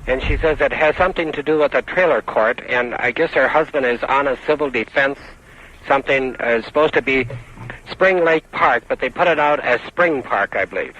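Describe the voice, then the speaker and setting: An American man calling in from the police to relay a message in a halting, plain-spoken way. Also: medium pitch, pushed and bright. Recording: lo-fi 1960s phone call, faint noise.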